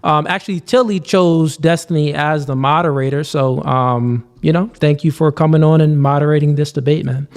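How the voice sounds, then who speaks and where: A man's voice: fairly high pitch, fairly even intonation, normal speed, few pauses, a little mellow. A man hosting a livestream, talking casually and calling people man. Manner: laid-back, calls people man. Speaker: stream host. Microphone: online call mic.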